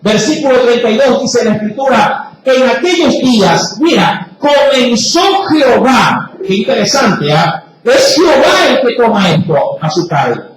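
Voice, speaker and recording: A male preacher delivers an emphatic sermon in a high, animated voice that swings between loud, stressed words and quiet asides. The sound rings with heavy echo from a very reverberant room, with a faint noise underneath. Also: normal speed, few pauses.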